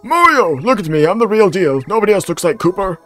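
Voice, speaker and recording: A smug game ghost passes itself off as a friend in a put-on British accent, as a man performs it. His high voice swoops up and down, full of old-chap charm. Faint game music plays underneath. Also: sing-song, fast, a bit bright. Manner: chummy, old-chap phrasing. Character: ghost posing as a pompous British turtle.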